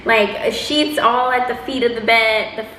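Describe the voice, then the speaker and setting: A woman telling a personal story in a casual, chatty, animated way, acting out quotes as she goes. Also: fairly high pitch, unhurried. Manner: animated, exaggerating delivery with acted-out quotes. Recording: roomy echo, faint background noise.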